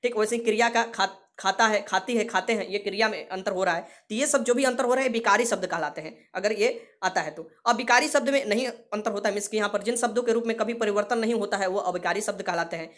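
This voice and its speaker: A woman's voice: medium pitch, fast talker, hardly any pauses, fairly bright tone. A woman teacher giving an exam-prep grammar lesson, repeating key terms and asking her students questions. She drops English words into her explanation.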